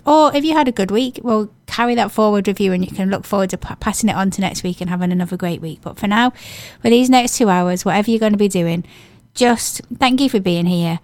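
An English woman hosts a radio show, her mid-range voice croaky and hoarse from a cold. She gushes and rambles in casual chat, and there's no echo on the recording.

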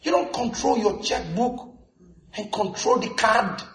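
Male pastor, high voice, animated sermon with repeated call-outs, echoey hall with music underneath. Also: unhurried. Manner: animated preaching with repetitions and audience call-outs. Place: church hall.

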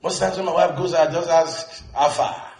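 Male pastor, high voice, animated sermon with repeated call-outs, echoey hall with music underneath. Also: moderate pace, creaky. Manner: animated preaching with repetitions and audience call-outs. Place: church hall.

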